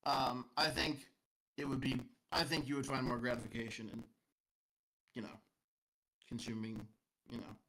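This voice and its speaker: A man's voice: mid-range voice, flat delivery, moderate pace, long pauses, fairly bright tone, low-quality recording. A man running a tabletop game as game master, talking hesitantly with many fillers.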